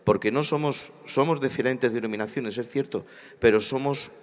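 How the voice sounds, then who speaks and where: A man's voice: medium pitch, normal speed. A man from Spain speaking at a church congress panel, preacherly, repeating phrases for emphasis. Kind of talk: impassioned church panel talk. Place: large congress hall. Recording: hall reverb.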